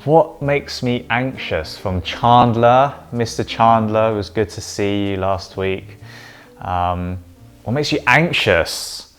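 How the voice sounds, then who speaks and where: A man in his late twenties from London, chatting casually in a relaxed, rambling way with lots of fillers. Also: on the low side, slow. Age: late 20s. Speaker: vlogger. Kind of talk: casual chat.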